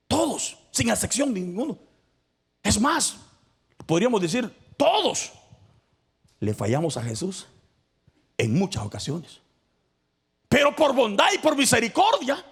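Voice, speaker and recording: Husky impassioned male preacher. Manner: impassioned preaching, swinging from loud high cries to low near-whispers. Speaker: pastor. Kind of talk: sermon.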